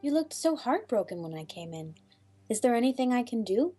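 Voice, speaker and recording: Female actor as elegant unicorn songstress for audio drama, kind and smooth, highly melodic delivery, music behind. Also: sing-song, a little fast. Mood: concerned, sweet. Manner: gentle, solicitous. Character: elegant, kindly, silky-voiced female unicorn singer.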